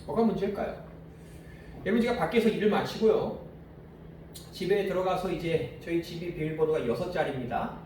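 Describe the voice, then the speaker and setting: In a church sanctuary, a male pastor preaches a conversational sermon, asking the congregation questions and sharing stories from home. His voice is high-pitched and a little mellow, brisk but with frequent pauses. The distant mic picks up an echoey hall and slight background noise.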